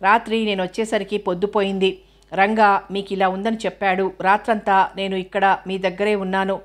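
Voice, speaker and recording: Woman narrator reading a caring young man, soft-spoken and respectful, even level tone, audiobook dialogue. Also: mid-range voice, moderate pace, natural voice. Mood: gentle. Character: caring young man tending his sick uncle.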